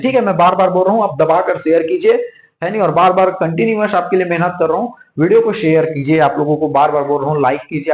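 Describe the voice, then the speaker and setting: Man teaching exam prep, high voice, repeats every point, echoey room. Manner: repetitive, drills points with frequent "theek hai". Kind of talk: online exam-prep lesson.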